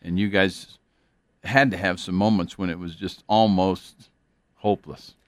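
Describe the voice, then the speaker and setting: Low-voiced earnest host. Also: male voice, steady tone, unhurried, dry recording. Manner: earnest, rambling with many fillers. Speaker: interview host. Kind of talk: faith interview conversation.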